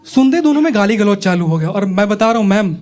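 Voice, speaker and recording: A young male comedian from Uttar Pradesh performs stand-up on a club stage. His voice sits high, and he chats with the crowd and acts out the people in his stories. A live audience laughs loudly behind him. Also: lively intonation, fast. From Uttar Pradesh, India. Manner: chatty, teasing the audience, acting out quoted people.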